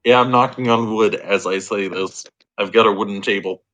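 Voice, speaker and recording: A man playing a tabletop role-playing game in casual chat, halting and thinking aloud as he goes. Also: fairly low pitch, fairly even intonation, fairly bright tone. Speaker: tabletop RPG player.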